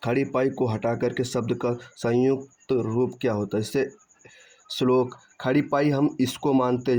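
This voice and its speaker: A man's voice: mid-range voice, mellow. A man teaching Hindi grammar in an online lesson, repeating points, asking and answering his own questions and checking in with "theek hai". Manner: drags out syllables when spelling sounds. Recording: dull, muffled lo-fi recording.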